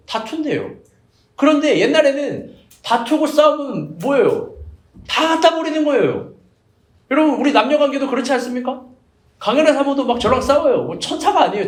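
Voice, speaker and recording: A man preaches in a small church, his very high voice swinging up and down as he jokes and questions the congregation. The room around him rings with a roomy echo. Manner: animated, jokey storytelling with questions to the congregation. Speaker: evangelist pastor. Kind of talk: sermon.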